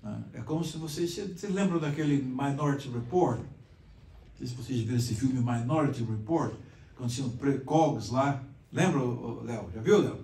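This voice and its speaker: Brazilian pastor-teacher, chatty explainer, mellow tone, distant mic in echoey classroom. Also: male voice, medium pitch, normal speed. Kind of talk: conversational Bible class teaching. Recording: echoey room, mic far off.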